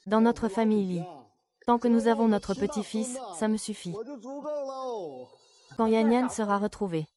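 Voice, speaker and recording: A woman's voice: mid-range voice, close to an everyday voice. A woman dubbing dialogue for a family drama with an emotional delivery. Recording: loud crowd noise behind.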